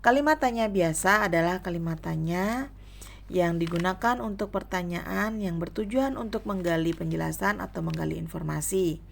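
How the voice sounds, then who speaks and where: A woman's voice: fairly low pitch, normal speed, gravelly, a little hiss or hum. A young adult woman teaching a grammar lesson, listing examples one by one.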